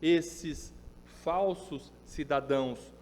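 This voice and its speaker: A Brazilian man preaching in a church, his voice pitched high for a man and carried by the long reverb of the sanctuary. He pleads earnestly and leans into urgent emphasis. A faint hum sits underneath. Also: drawn-out words, a little mellow. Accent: Brazilian Portuguese. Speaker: presbyter preaching. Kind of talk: sermon.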